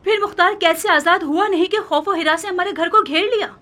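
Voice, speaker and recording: A woman's voice: very high-pitched, fairly quick, pushed and bright. An actress dubbing a proud noble wife and mother in a historical drama, reproachful toward her husband. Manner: reproachful and pleading.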